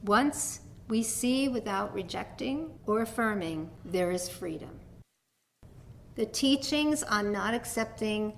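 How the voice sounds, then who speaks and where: A woman's voice: mid-range voice, animated, slow, a little hiss or hum. A middle-aged woman from New York with a New York accent, giving a conversational dharma talk as a teacher, telling stories with light laughs. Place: meditation hall talk.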